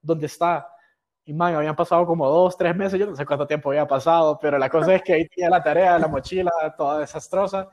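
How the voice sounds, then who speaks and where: A young Honduran man with a Honduran accent casually tells slangy, self-mocking stories about his school years, dropping in English words. His slightly high voice is darkish and fairly even, delivered quickly with hardly any pauses.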